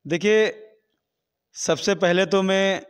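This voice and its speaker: A man being interviewed who speaks softly at first and then declaims political couplets with rising force. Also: sits high, steady tone, slow pace, smooth, long reverb tail. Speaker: interviewee, local political campaigner. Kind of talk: recited political couplets and appeals.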